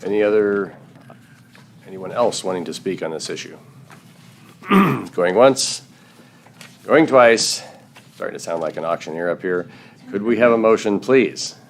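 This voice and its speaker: A low-pitched man chairing a council meeting, calling motions and votes briskly and slipping in dry asides. Faint room hum lies underneath. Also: a little mellow. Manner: brisk and procedural with dry jokes. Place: city council chamber.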